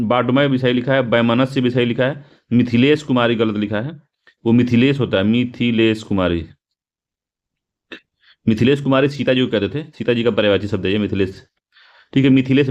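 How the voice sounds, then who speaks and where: A male coaching teacher works through quiz answers one by one, saying each correct word again and again to fix it in memory. His voice sits at an ordinary middle pitch. The recording is a little dull and muffled. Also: a little mellow. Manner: repetitive, drilling correct forms aloud, asking rhetorical questions. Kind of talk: explaining Hindi spelling and grammar quiz answers.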